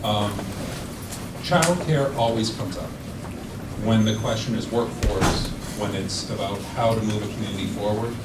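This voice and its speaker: Man moderating panel, lowish voice, halting with fillers, distant echoey hall, noisy. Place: large conference room. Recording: echoey hall, distant mic, loud background noise.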